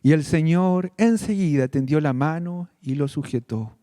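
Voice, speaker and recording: A man's voice: fairly high pitch, warm tone, dry recording, clean studio sound. A male pastor giving a sermon, speaking earnestly and directly to his congregation. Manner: slow, earnest preaching addressing the congregation directly.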